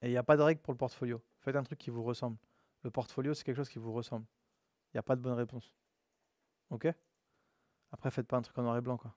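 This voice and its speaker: A man's voice: mid-range voice, fast, long pauses, no room sound. Slangy, casual male coding instructor. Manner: relaxed and slangy, addresses students as "les gars". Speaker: web development instructor. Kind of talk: casual live classroom lesson.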